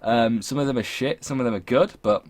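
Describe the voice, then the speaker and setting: A man's voice: mid-range voice, fairly quick, darkish tone. A young man hosting a podcast with casual, sweary, teasing banter over a voice call. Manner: sweary, mocking. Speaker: podcast host.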